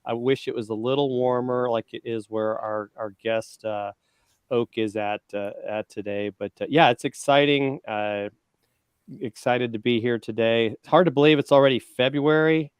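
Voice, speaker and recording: A man's voice: medium pitch, fairly even intonation, normal speed, clear, resonant tone, dry recording, clean studio sound. A man co-hosting a podcast in casual chat, talking loosely with many fillers and restarts. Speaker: co-host.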